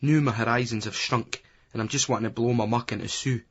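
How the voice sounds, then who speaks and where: A man's voice: mid-range voice, steady tone, fast, husky. Blunt Scottish man narrating, muffled audio. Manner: blunt, crude, conversational. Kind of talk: first-person novel narration. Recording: dull lo-fi remastered recording.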